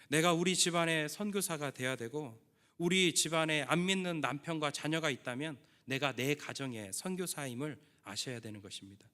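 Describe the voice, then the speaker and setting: Man, pastor preaching, fairly high lively voice, long church reverb. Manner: earnest preaching, acting out quoted prayers. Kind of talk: sermon. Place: church sanctuary.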